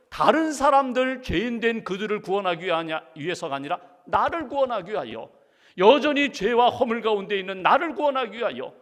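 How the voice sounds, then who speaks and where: A middle-aged man preaches to his congregation, his high voice carried by long church reverb. He speaks with earnest conviction and slips into pleading prayer. It sounds like a large sanctuary. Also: a bit bright. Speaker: pastor. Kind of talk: sermon.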